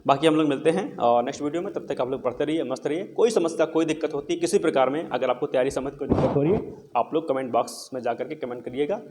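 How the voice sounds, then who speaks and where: A man's voice: a little high, quick pace, a little mellow. A young man teaching exam vocabulary to students, casually asking questions and answering them himself, encouraging them.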